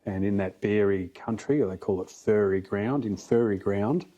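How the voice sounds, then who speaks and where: Low, mellow Australian man, plain-spoken and blokey. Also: normal speed, muffled recording. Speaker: fly fishing guide, interview guest. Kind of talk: casual podcast storytelling.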